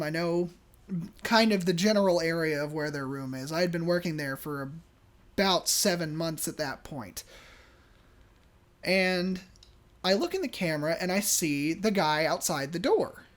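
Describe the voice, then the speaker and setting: A podcast host casually telling a work story, animated and chatty, acting out the people in it. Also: mid-range voice, normal speed. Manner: chatty, many fillers and restarts.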